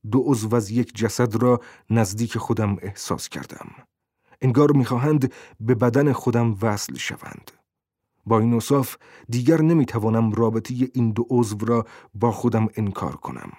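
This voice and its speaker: A man narrating a novel in a steady, measured way as an audiobook reader. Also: mid-range voice, no echo, studio quality. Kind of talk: scripted narration.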